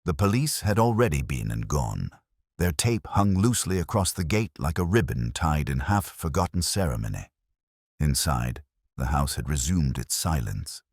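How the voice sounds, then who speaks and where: An actor with an extremely deep, darkish voice and a breathy edge tells a detective story in the first person as a brooding police inspector, in full character voice. His solemn, literary delivery uses measured phrasing and a sing-song, widely moving melody. The dry recording has no room sound, giving it the somber, reflective feel of an audio drama.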